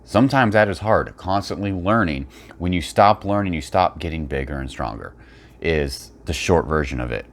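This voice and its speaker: A man's voice: low-pitched, normal speed. A man giving blunt, opinionated, unscripted commentary and explanations as a fitness video creator.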